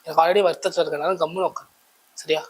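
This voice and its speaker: A cricket fan being interviewed on the street, scolding the interviewer in an exasperated way and often shouting back. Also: mid-range voice, fairly even intonation, fast talker, slightly rough. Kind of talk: heated street interview banter.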